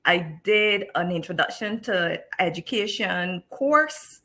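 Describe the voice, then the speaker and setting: A woman's voice: on the low side, expressive, slow pace, pushed and bright. Chatty woman teacher from Barbados. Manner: chatty, with many restarts. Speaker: guest teacher. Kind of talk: live-stream interview.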